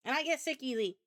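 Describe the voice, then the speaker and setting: A woman's voice: high voice, a bit bright. A woman streamer casually telling a rambling, chatty anecdote to her viewers. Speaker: VTuber streamer. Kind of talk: casual storytelling chat.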